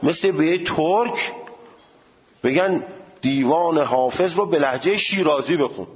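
A man giving a seminary lecture, animated and full of rhetorical questions. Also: fairly high pitch, long reverb tail, muffled recording. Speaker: religious studies teacher.

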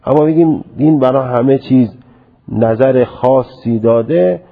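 A man gives a religious lecture at a middle pitch, working through his reasoning step by step. He stresses his points and often says them twice. The sound comes through thin and tinny, like an old radio broadcast. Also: creaky.

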